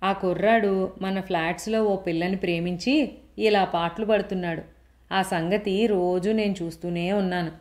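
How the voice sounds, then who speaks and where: A woman's voice: fairly low pitch, moderate pace, darkish tone, close to an everyday voice. A woman voicing a bold older housewife who scolds and mocks bluntly. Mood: scolding.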